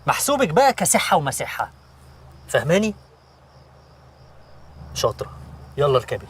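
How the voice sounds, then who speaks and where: An actor with an Egyptian accent playing a boastful, fast-talking male hustler in a comedy series, teasing and bluffing. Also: fairly high pitch, sing-song, a bit bright, distant mic, slight background noise. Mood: bossy. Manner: mocking, teasing, rapid-fire bluffing.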